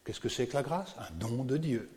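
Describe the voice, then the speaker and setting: A man preaching a sermon to a congregation, animated and often putting questions to his listeners. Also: medium pitch, moderate pace, big-room sound. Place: church.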